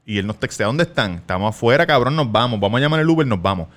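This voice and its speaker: Puerto Rican guy, podcast co-host, animated storyteller, wide pitch swings, curses a lot. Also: fast talker. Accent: Puerto Rican Spanish. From Puerto Rico. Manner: animated, swearing, acts out voices in his story. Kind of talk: casual storytelling among friends.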